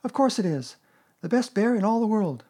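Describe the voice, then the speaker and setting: Storybook young boy, played by a man: high, earnest, keen. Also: animated, brisk, darkish tone, husky. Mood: excited. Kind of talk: storybook character voice.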